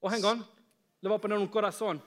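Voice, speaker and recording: A man preaching a sermon, impassioned, swinging from soft to loud, pausing for an interpreter. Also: high-pitched, level tone.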